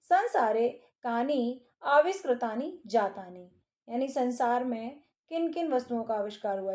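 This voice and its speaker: A woman teacher walks through a Sanskrit exam paper, reading each line aloud and then explaining it. Her voice sits fairly high, with a mellow, soft tone and nothing sharp in it. She talks as a patient instructor. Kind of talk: exam paper walkthrough lesson.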